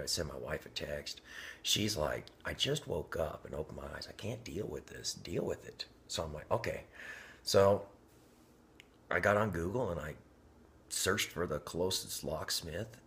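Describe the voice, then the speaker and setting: A man's voice: extremely low pitch, creaky, a bit bright, a little hiss or hum. A man telling a personal story in a casual, rambling way, often dropping to a near whisper. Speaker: vlogger. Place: inside a parked car.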